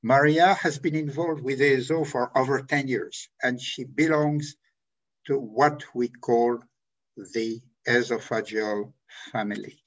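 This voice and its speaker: Brief: husky man moderator, slow deliberate introduction, lo-fi call audio. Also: medium pitch. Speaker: session moderator. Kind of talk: formal introduction. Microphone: video call. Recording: dull lo-fi video call audio.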